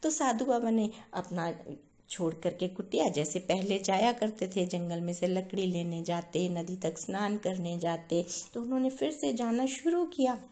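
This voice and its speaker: Woman telling a moral tale, calm and explaining, talks right to listeners, warm mellow voice. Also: mid-range voice, moderate pace. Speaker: storyteller. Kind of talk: moral story narration.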